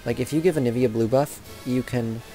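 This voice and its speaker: A man's voice: mid-range voice, fairly even intonation, fairly quick, dark tone. A young man giving casual, rambling commentary over his own video game match, often correcting himself. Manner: chatty, rambling, self-correcting. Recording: game music and sound effects behind.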